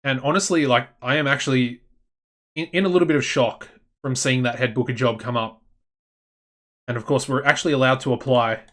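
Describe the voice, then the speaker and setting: An Australian man chatting casually as he plays a management game, thinking aloud and getting excitable. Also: medium pitch, fairly quick, long pauses. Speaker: gaming channel host.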